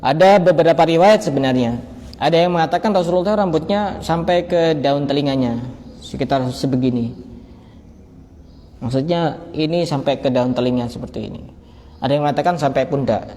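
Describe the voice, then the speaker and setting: A preacher with a slightly high voice and a dark tone speaks fairly quickly in a religious study talk, keeping it conversational and full of jokes. He acts out exchanges with his students, and the recording carries a long hall reverb with faint background noise.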